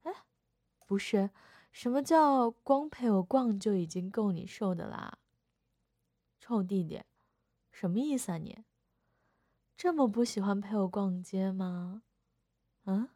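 A woman's voice: medium pitch, animated, a little slow, pauses often, warm tone, no echo. A young woman voicing a playful older sister in a second-person audio role-play, whining and teasing coquettishly.

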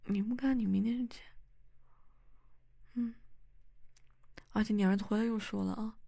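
A woman's voice: mid-range voice, vocal fry, no echo, studio quality. A young woman acting as a wife and mother in a whispered role-play, talking intimately and teasingly to her husband. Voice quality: soft whispery delivery. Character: young wife, playful, easily flustered.

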